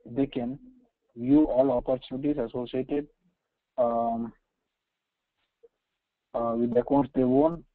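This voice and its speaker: In a step-by-step screen-share lesson, a software trainer with an Indian accent speaks in a steady, mid-range voice. He's repetitive and halting, leaning on quick checks of "right" and "okay." A roomy echo and slightly dull lo-fi sound color the recording.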